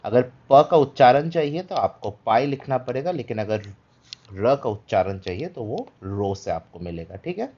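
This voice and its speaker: A man's voice: mid-range voice, lively intonation, normal speed. A man teaching Greek letters in a livestreamed lesson, patiently switching between Hindi and English and checking in often with listeners. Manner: patient, repeats "ठीक है" to check understanding; mixes Hindi with English phrases. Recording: dull lo-fi stream audio.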